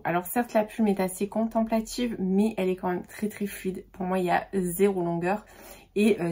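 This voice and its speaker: Chatty breathy woman book vlogger. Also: lowish voice, warm tone. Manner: chatty, many fillers and restarts. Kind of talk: casual chat about books.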